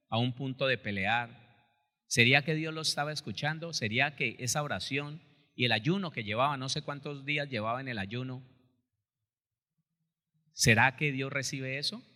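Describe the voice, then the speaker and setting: Man, pastor, storytelling sermon, animated, forceful tense voice, echoey church hall. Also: medium pitch, normal speed, long pauses. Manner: animated, acts out quotes, addresses listeners as brother.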